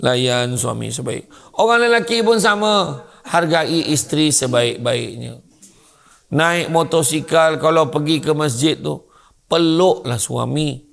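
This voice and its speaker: Man, preacher, comic religious lecture, gravelly, higher voice. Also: a little slow. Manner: animated comic storytelling. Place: mosque lecture hall.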